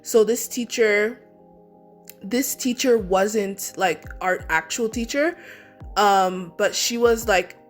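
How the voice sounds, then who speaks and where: A woman's voice: mid-range voice, slow pace, faint music behind. A young woman, a beauty vlogger, telling a story in a casual, rambling way, filling it with "like" and restarts. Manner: rambling, heavy use of 'like', many restarts. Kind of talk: casual storytime while doing makeup.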